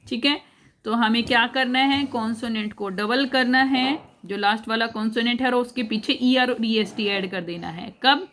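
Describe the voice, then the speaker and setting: A woman teaching a grammar lesson, explaining each rule step by step, repeating it and checking that her students follow, and reading the English rules slowly. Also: on the high side, a bit bright, slight background noise. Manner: mixes in English phrases, reads English rules slowly.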